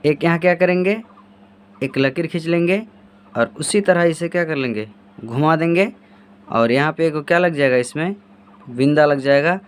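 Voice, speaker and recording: Higher-voiced man teaching handwriting. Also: moderate pace, long pauses, smooth. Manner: answers his own repeated questions while demonstrating. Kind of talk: step-by-step writing lesson.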